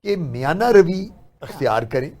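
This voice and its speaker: A man speaks as a doctor on an interview, telling stories and acting out what his patients said. His voice sits fairly high and the delivery is casual. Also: expressive, darkish tone. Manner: storytelling, acts out his patients' words. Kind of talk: casual chat.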